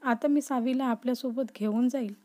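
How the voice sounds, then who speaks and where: Woman reading a keen young guy with a crush, friendly, high and mellow. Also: brisk, close to an everyday voice. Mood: eager. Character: eager young man with a crush.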